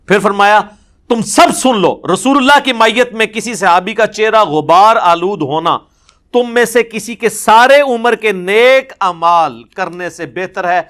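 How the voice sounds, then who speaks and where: A man giving a religious lecture, telling narrations in an animated way and acting out the quoted speech. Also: high voice. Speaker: religious scholar.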